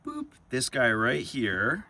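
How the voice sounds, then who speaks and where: A man's voice: mid-range voice, wildly swooping pitch, slow pace, sharp tone, breathy edge. A man chatting to viewers in a casual how-to vlog, grumbling with humor while he works outdoors, recorded on a handheld phone. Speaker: DIY vlogger. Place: outdoors on wet grass beside a pickup truck.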